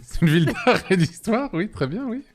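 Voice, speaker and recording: A man in his thirties hosting a casual chat, playful and quick to protest loudly when teased. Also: high-pitched, very animated. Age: 30s. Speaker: host. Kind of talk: casual chat ranking cities.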